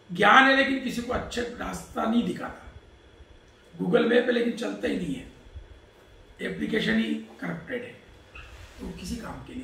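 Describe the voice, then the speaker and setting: Man, Vedic discourse, recites Sanskrit and explains it, gravelly, heard from far off, very echoey room. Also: high-pitched, bright, forceful tone, a little hiss or hum. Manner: explanatory, asks and answers his own questions; recites Sanskrit verses then explains them. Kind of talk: Hindi religious discourse. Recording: echoey room, distant mic.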